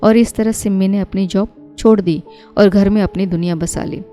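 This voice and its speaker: A woman telling a scripted horror story in a measured, even narration. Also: medium pitch. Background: faint background music.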